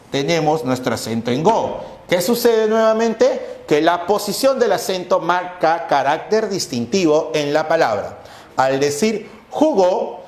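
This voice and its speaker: Male teacher, slightly high voice, methodical exam-prep lecturing, roomy echo. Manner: methodical, recaps often with rhetorical questions. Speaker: language teacher. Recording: echoey room.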